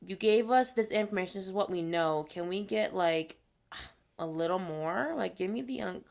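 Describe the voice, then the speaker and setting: Woman, young, Minnesotan accent, podcast co-host, gravelly voice, animated and profane. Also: mid-range voice, normal speed. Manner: animated, swears freely, laughs often. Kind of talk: casual chat.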